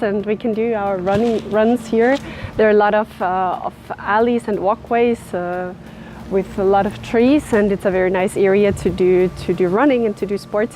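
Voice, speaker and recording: This trail-running tour guide is an Austrian woman whose speech carries an Austrian German accent as she chats casually to camera outdoors among forest paths and parkland. Her voice is mid-range with a somewhat dark tone, and there's slight background noise.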